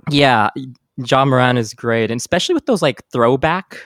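A man's voice: medium pitch, lively intonation, normal speed, a bit bright, no room sound, studio quality. A man hosting a podcast, chatting casually and asking playful questions in an easygoing way. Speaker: podcast host. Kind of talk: casual interview chat.

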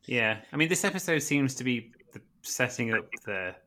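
Bright-voiced easygoing man. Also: mid-range voice, lively intonation, normal speed, slight background noise. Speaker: podcast co-host. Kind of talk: casual chat.

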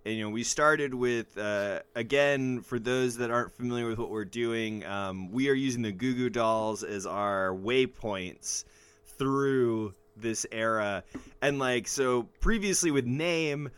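Slow, smooth-voiced man chatting casually. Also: mid-range voice, fairly bright tone, dry recording. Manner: rambling, laughs often, trails off into fillers. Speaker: podcast co-host. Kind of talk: casual podcast chat. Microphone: podcast microphone.

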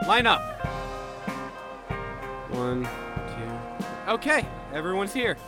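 A man's voice: high-pitched, very animated, drawn-out words, music in the background, exaggerated voice. A man playing an exasperated squad corporal who barks orders at his soldiers, in a comedic audio drama. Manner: barking orders, impatient.

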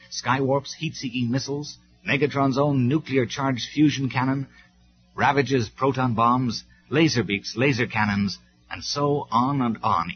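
A man from the UK narrating a story from an audio cassette in a dramatic, measured way. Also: mid-range voice. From United Kingdom. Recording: dull lo-fi cassette recording with faint music.

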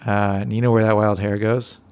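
Creaky-voiced man, low-key late-night podcast host. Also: little pitch movement, a little fast, darkish tone. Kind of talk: casual comedic podcast chat.

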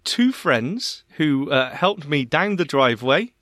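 A man's voice: fairly high pitch, sing-song, slow pace, a bit bright, no echo, clean studio sound. A man from Bristol with a West Country Bristolian accent, co-hosting a podcast in casual, playful, theatrical banter full of exclamations. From Bristol, England. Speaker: podcast co-host.

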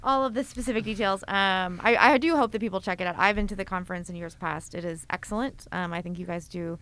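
Woman, medium pitch, creaky fry, casual promotional chat, informal, enthusiastic. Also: fast talker, a bit bright.

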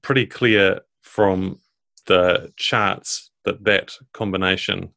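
A man's voice: low-pitched, steady tone, slow pace, vocal fry, sharp tone. A man improvising the narration of a tabletop game as its game master.

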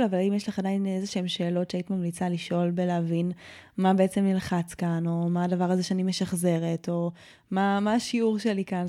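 A woman hosting a podcast, asking thoughtful, measured questions. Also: fairly low pitch, warm tone. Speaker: podcast host. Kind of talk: interview questions.

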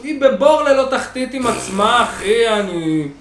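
A man, co-hosting a podcast, talking loudly and telling stories in casual banter. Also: extremely high pitch, roomy sound, a little hiss or hum. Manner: loud, animated storytelling. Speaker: podcast co-host.

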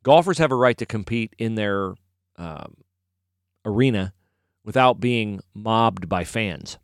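A man's voice: fairly low pitch, expressive, takes it slowly, no echo, studio quality. A middle-aged man giving casual, opinionated solo sports commentary, rambling and correcting himself as he goes.

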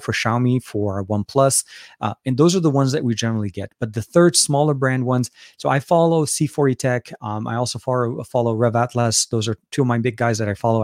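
In a relaxed live Q&A, a tech channel host with a Lebanese accent, Arabic being his native language, responds to viewers' chat questions on the fly. His talk is loose, full of fillers and restarts. The voice has normal pitch and sounds dry and near the microphone, without any room sound.

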